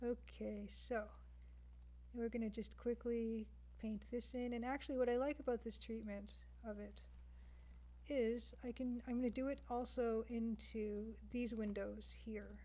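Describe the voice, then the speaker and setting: This Canadian woman, a game artist on a livestream, keeps up casual chatter with viewers while drawing and thinking aloud. She speaks at a measured pace in a fairly high, dark-toned voice with fairly even intonation.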